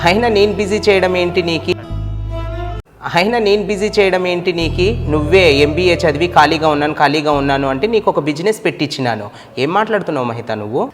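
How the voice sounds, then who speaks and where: A man's voice: fairly high pitch, quick pace, lightly acted. A man acting as a defensive husband who is hiding an affair, speaking in a melodramatic family drama. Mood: calm. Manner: defensive, bursts into shouting. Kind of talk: melodramatic short-video acting. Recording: roomy reverb with background music.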